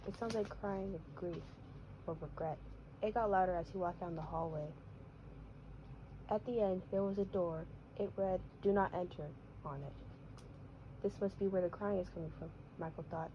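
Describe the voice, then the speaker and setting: A woman's voice: mid-range voice, mellow, a little hiss or hum. Woman reading a story, stumbling often. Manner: stumbling, restarting phrases often. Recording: dull lo-fi recording.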